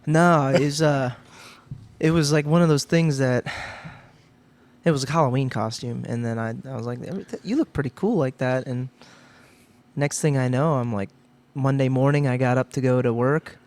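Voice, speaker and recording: A man's voice: medium pitch, normal speed, a little mellow. A man in his thirties from Ohio, a guest telling stories in a casual chat, easygoing with lots of restarts. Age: 30s. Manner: easygoing storytelling with frequent restarts. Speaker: guest, brewery owner.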